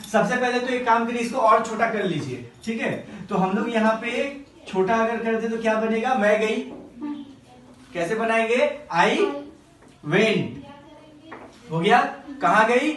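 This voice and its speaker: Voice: medium pitch, a bit bright. Teacher quizzing a class, heard from afar. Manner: slow, drawn-out explanations, quizzing the class. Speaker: English teacher. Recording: echoey classroom from a distance.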